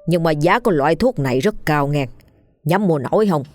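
A woman voicing a sly old male village healer in a read-aloud ghost story, slow and knowing. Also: deep voice, expressive, a little mellow, no echo, studio quality, soft background music.

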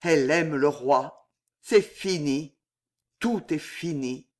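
Heartbroken young officer, read by a man, slow and despairing, highish voice. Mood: hollow.

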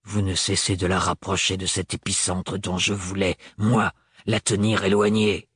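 A man playing a tall cold nobleman in an audiobook, lowering his voice into a hard, clipped delivery. The voice is husky and the recording sits dry and close. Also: level tone, measured pace, no room sound, exaggerated voice. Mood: cold, curt.

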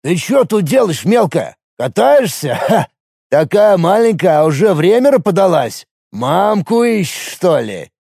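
A man voicing a rough, crude male soldier who jeers and mocks. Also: high-pitched, sing-song, measured pace, darkish tone, no echo, clean studio sound, voice pushed up, full character voice. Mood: jeering. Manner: jeering, crude.

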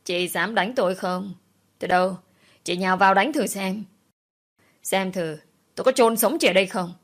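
A woman's voice: fairly low pitch, normal speed, a bit bright, close to an everyday voice. A woman voicing a blunt, defiant young female servant who talks back firmly in a storybook reading. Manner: firm, cutting.

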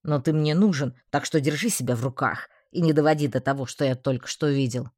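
Woman voicing a low, sarcastic male magister. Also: fairly quick, darkish tone, dry recording, studio quality. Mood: cold, sarcastic. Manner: cold, cutting, commanding. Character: stern sarcastic male magister, sharp-tongued teacher.

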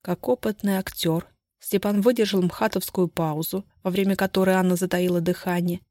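A woman narrating a detective novel in a measured, expressive way. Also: on the low side, dry recording, clean studio sound. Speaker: audiobook narrator.

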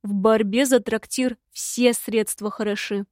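A gloomy long-eared male imp who grumbles and sighs through every reply, as a woman reads him in an audiobook. The voice sits fairly high, recorded dry and close with no room sound. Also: steady tone, a little slow, darkish tone, no room sound, natural voice. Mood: grumbling. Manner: grumbling, sighing. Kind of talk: audiobook reading.

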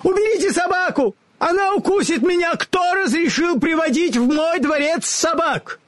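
A man's voice: sing-song, measured pace, no echo, exaggerated voice. A man voicing a grand wizard gone shaky. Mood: frightened. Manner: solemn booming, then fussy and pleading. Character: grand mysterious male wizard, later a frightened little old man.

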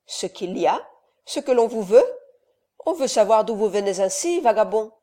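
A woman's voice: a little high, lively intonation, normal speed. A woman doing a furious sardonic nobleman. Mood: angry, scornful. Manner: sharp, scornful commands. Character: angry, sardonic middle-aged nobleman father. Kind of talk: audiobook character reading.

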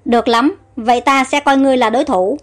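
A proud, quick-tempered young emperor, read by a woman speaks in short, commanding bursts. The voice sits high. A faint bed of music runs behind him. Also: fairly even intonation, natural voice. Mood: defiant. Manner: curt, commanding.

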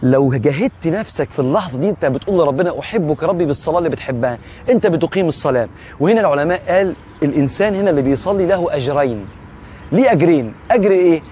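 A man's voice: a little high, animated, racing, dark tone, a little hiss or hum. A man with an Egyptian accent giving a reflective religious talk, earnest and asking the listener questions directly. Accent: Egyptian Arabic. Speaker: Islamic preacher.

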